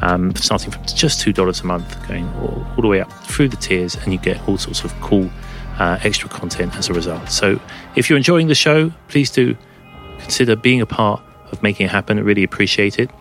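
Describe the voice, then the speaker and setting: A man's voice: on the low side, a little fast, fairly bright tone. A man presenting a music podcast in a casual, enthusiastic but rambling way, recorded at home under a blanket. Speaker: podcast host and DJ.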